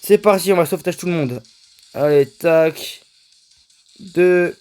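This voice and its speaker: A young man giving casual, excitable commentary on his own gameplay, often stammering and repeating himself as he talks to his viewers. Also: a little high, takes it slowly, clear, resonant tone, soft background music, low-quality recording. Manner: excitable, stammering, addresses viewers as "les gars". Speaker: gaming video creator.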